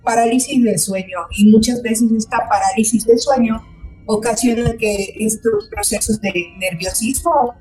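A woman's voice: fairly high pitch, a little slow, dark tone, faint music behind, rough recording. A woman host in casual conversation, attentive, answering with short affirmations and explanations.

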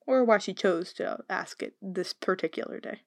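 A podcast co-host who chimes in with brief, skeptical remarks and questions. The voice is gravelly and mid-pitched. It is recorded close and dry. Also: normal speed, no echo. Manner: reactive, skeptical, short comments and questions. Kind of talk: casual podcast chat.

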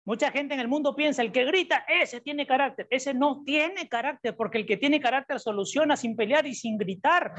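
A woman preaching a sermon, repeating her key points and asking the congregation questions. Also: a little high. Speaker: preacher and psychologist. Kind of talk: sermon with Bible reading. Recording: dull lo-fi recording.

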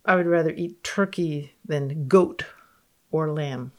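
Speaking slowly in a low, slightly mellow voice, a woman physicist reads research aloud with drama on a podcast. Between readings she chats in a dry, matter-of-fact style.

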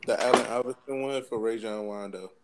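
A young man in a casual group chat, answering haltingly with many pauses and filler sounds. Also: medium pitch, heavy background noise. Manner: hesitant, lots of ums and pauses. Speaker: chat guest.

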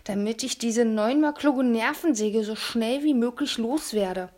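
A woman's voice: fairly high pitch, normal speed, vocal fry, a little mellow. A woman voicing a growling brutish kidnapper. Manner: growling, sneering, mock-sweet. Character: brutish, menacing grown male kidnapper. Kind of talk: audiobook character voice.

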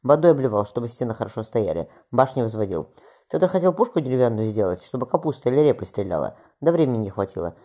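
A man voicing a lively noblewoman who briskly orders servants and children. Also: mid-range voice. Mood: cheerful. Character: lively noblewoman mother of many.

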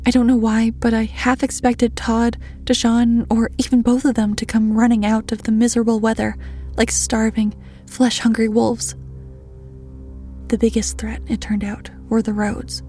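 Woman narrating horror in a measured tone. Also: a little high, faint music behind. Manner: measured, steady delivery dropping to hushed half-whispers.

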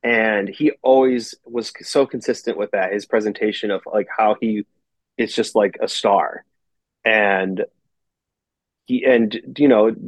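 A pro wrestler who also owns a company guests on a casual podcast, his lowish voice captured in a dry, slightly muffled recording. He rambles, swears freely, and says "like" constantly.

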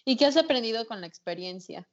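A woman's voice: a little high, animated, fast talker. Woman interviewer, slightly muffled. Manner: brief agreeing replies and short questions. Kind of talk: interview questions.

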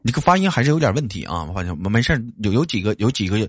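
A man's voice: lowish voice, very animated, racing, husky, dry recording, studio quality. Teasing Northeastern Mandarin male host. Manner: teasing, jokey, stresses words. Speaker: livestream host. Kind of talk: joking casual chat.

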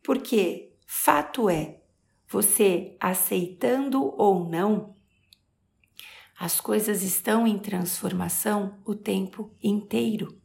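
Brief: woman in her 40s with a Brazilian accent, podcast host, gravelly fry in the voice, emphatic motivational delivery. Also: medium pitch, takes it slowly. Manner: expressive, emphatic, stretches key words.

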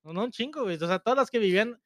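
A man's voice: sits high, animated, very fast, fairly bright tone, dry recording, clean studio sound. A young man with a Mexican accent, co-hosting a podcast in casual, crude, slangy chat and laughing often. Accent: Mexican Spanish. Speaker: podcast co-host.

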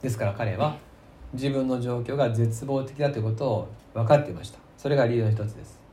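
A male pastor preaching a sermon, telling the story with emphasis, swinging between loud and soft and asking the listeners questions. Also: mid-range voice, fast talker, echoey room, slight background noise. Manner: asks the congregation rhetorical questions.

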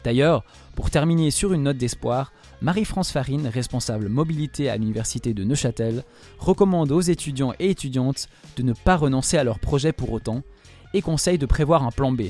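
A man's voice: medium pitch, expressive, fairly quick, darkish tone. Brief: male columnist, joking scripted read, faint music under. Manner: wry, jokey delivery. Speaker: student radio columnist.

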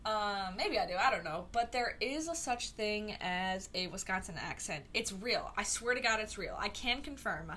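This Chicago-area young woman runs a solo podcast where she rambles casually, leaning on fillers and drifting into tangents. Her mid-range voice is animated, bright, and forceful, at a moderate pace with few pauses. There's faint noise in the background.

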